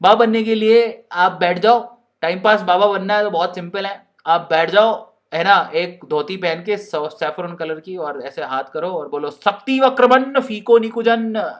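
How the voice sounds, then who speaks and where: Playful high-voiced male chemistry teacher. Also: fairly even intonation, a little slow, hardly any pauses. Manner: playful, laughing, chants mnemonics; asks the class questions. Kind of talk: online lecture.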